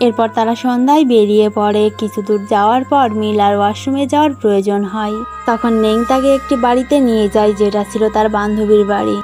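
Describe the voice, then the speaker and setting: A woman tells a horror movie's story in a steady, scripted narration. Her voice sits a bit high and has a mellow, dark tone. Faint music plays quietly beneath her. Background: faint background music.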